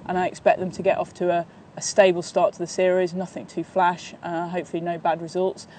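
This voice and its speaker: A woman in her thirties answers questions as a sailing coach, recorded on a lapel mic in a sunny park. Her voice stays flat and even, with plenty of fillers and restarts. Faint outdoor noise sits underneath. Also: lowish voice, a little fast. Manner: steady, even delivery with many fillers and restarts. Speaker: sailing coach and training partner. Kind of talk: outdoor interview.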